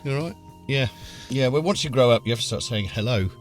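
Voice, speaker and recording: A man's voice: medium pitch, fast talker, soft background music. A middle-aged man, co-hosting a casual chat, jokey and fond of mimicking sounds. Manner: jokey, hums and imitates sounds, lots of "yeah". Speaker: co-host of a music production show.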